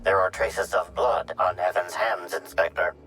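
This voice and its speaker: Low, clinical investigation machine. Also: male voice, steady tone, moderate pace, a bit bright, faint music behind. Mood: clinical, detached. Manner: formal, detached, precise. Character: clinical, impassive male forensic analysis device. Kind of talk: scripted video game narration.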